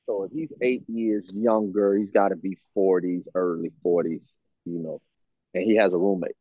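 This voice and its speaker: A man's voice: low voice, fairly even intonation, normal speed, dry recording. A man co-hosting a casual podcast chat, giving frank dating advice and repeating himself for emphasis. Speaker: co-host. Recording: dull lo-fi sound.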